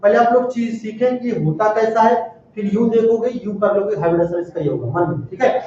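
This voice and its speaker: A man teaching a chemistry lecture in a classroom, animated, calling out questions to his students. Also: high voice, a little fast, a little hiss or hum. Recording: very echoey room, distant dull mic.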